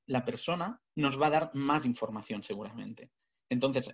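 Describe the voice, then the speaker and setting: A man leads a business communication webinar from his webcam. He keeps asking rhetorical questions in a lively way. His voice sounds a bit husky, and the audio comes through dull and lo-fi. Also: mid-range voice. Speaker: communication trainer. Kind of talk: webinar talk. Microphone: webcam video call.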